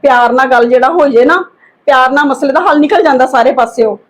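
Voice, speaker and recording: A woman playing an aunt in a family drama, reasoning calmly and pleading for patience. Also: high voice, quick pace. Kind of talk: acted family drama dialogue.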